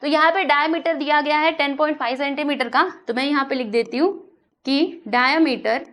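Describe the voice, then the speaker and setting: A woman teaching a maths lesson, coaxing the class with questions she answers herself, slowing down to read the English problem text aloud. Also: sits high, fairly bright tone.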